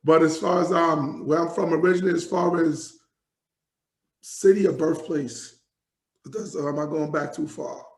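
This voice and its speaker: Gravelly New man, rambling. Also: on the high side, steady tone, moderate pace, reverberant, low-quality recording. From Jamaica, raised in New York. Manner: rambling, many fillers and restarts. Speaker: hip hop artist, guest. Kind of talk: casual interview talk.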